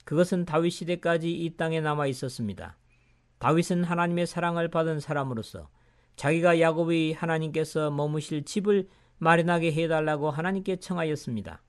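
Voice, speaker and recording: A man reading scripture aloud in a measured, solemn style. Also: a little high. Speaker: scripture reader.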